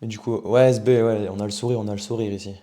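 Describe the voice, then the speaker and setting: Laid-back young French man, low mellow voice. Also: fast talker. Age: young adult. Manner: relaxed, chatty, trails off with fillers. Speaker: co-host. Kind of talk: casual live stream chat.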